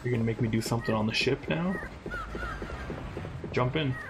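A man's voice: mid-range voice, very fast, background noise. A man casually commenting on his gameplay as a let's play gamer, reacting aloud and reading game dialogue. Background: game music.

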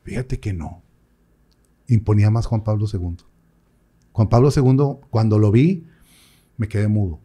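Young priest, chatty storyteller, warm mellow voice. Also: male voice, lowish voice, moderate pace, long pauses, husky. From Mexico. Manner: animated storyteller, acts out quoted voices. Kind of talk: casual interview chat.

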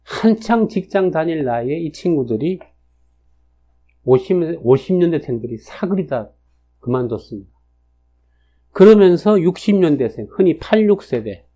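Lively-voiced man in his sixties, lecturing. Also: a little high. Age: 60s. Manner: chatty, with frequent fillers and tag questions. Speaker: lecturer on national fortune cycles. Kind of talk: casual spoken lecture. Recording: dull lo-fi recording.

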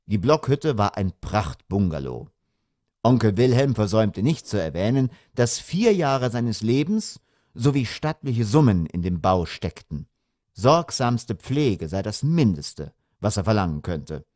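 Lively, wry male storyteller. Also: fairly low pitch, a little slow, no room sound, studio quality. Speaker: audiobook narrator. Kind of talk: scripted humorous narration.

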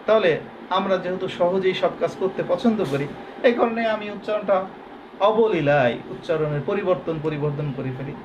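Man, teacher, high voice, patient explaining, stretched-out example sounds. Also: moderate pace, lo-fi sound, noisy background. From Bangladesh. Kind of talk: recorded classroom lesson.

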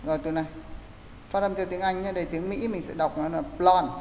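A man's voice: sits high, fairly even intonation, fast talker, a little mellow. A man teaching an English pronunciation class, echoey hall. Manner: explanatory, coaching students step by step. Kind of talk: online class instruction. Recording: echoey, roomy hall sound with faint hiss.

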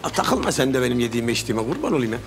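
An actor playing a jovial middle-aged police chief who jokes with friends in casual slang. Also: male voice, mid-range voice, very animated, rapid-fire, close to an everyday voice. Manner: jovial, teasing, affectionate slang. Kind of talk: TV drama acting. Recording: scene with loud music score.

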